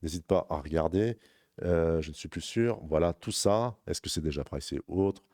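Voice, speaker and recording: A man talking rapidly and informally as a crypto trading analyst, walking the viewer through charts in a rambling, self-correcting way. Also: deep voice, a little mellow, no echo, clean studio sound. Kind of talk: casual chart walkthrough addressing viewer as tu.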